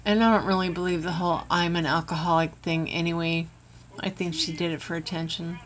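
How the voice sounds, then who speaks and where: With a lowish voice and little pitch movement, a vlogger talks a little fast while venting about a personal story. It's a frank, rambling, candid vlog recorded on a camera she adjusts herself.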